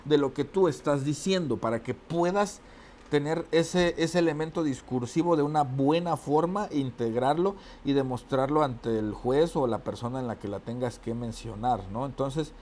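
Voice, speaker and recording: This oratory lecture comes from a man whose medium-pitched voice has a slightly mellow quality. Working as a teacher, he walks through the material one step at a time, frequently adding tag questions and beginning phrases over again.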